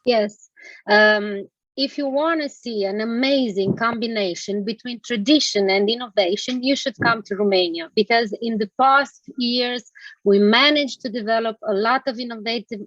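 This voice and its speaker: A woman's voice: a little high, moderate pace, a bit bright, no room sound. A woman on an online panel, encouraging and upbeat. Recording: dull dry call audio.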